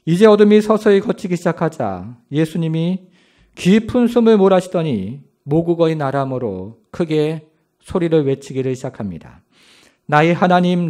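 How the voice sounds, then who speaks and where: Man, pastor, sermon, dramatic storytelling, rhetorical questions, fairly high voice, very lively pitch.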